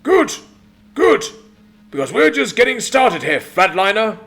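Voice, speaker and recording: A man voicing a foul-mouthed, violent old Santa Claus in a spoken story, mocking and shouting threats. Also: high voice, very animated, a little slow, soft background music, pitched above the performer's own voice, exaggerated voice. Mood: gleeful menace.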